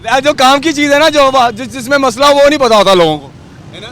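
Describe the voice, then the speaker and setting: High-voiced man questioning on the street. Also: fast, a bit bright. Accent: Pakistani Urdu. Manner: pressing, probing questions. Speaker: street reporter. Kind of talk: on-the-street news report. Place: roadside outdoors in city traffic. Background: traffic.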